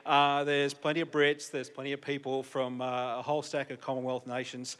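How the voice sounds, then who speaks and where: A man's voice: mid-range voice, little pitch movement, brisk, fairly bright tone, clear, resonant tone. A man hosting an on-stage interview, joking and playing to the crowd. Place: convention stage.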